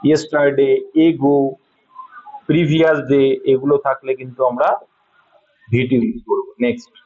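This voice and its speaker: A man's voice: mid-range voice, fairly even intonation, a little slow. A man with a Bengali accent teaching an English grammar lesson, patiently repeating points and checking that students understand. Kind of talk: classroom lesson, explaining sentence corrections. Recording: dull lo-fi sound.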